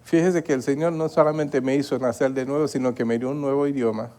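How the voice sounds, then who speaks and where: Speaking fast in a steady, darkish voice of medium pitch, a Haitian man preaches a Bible study at church. He is earnest, repeats words, and frequently seeks the congregation's agreement.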